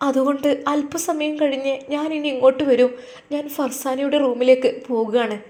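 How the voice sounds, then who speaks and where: A woman voicing a devoted young wife who pleads softly and earnestly with her husband. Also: high-pitched, fairly even intonation, moderate pace, voice pushed up, lightly acted. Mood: resolved, tearful.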